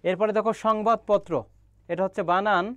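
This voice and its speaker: A young man runs a live-streamed grammar lesson, his voice sitting fairly high for a man. He keeps asking the viewers questions and reads their comments back to them. The sound is dry and close, with no room around it. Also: steady tone, normal speed, a bit bright, dry recording, dull audio. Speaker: online admission-prep teacher.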